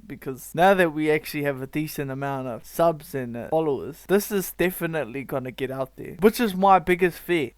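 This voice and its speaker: A man's voice: on the high side, smooth. Young man with a broad Kiwi accent. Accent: broad New Zealand. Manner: slangy, loose and chatty, with exclamations. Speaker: YouTube host. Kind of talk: casual reaction commentary.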